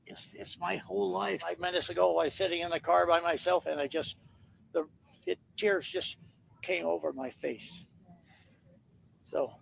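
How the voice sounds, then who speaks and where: A man in his nineties, a fire victim in a news interview, halting and repeating words, close to tears. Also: fairly high pitch, steady tone, vocal fry, a little hiss or hum, poor audio. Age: 90s.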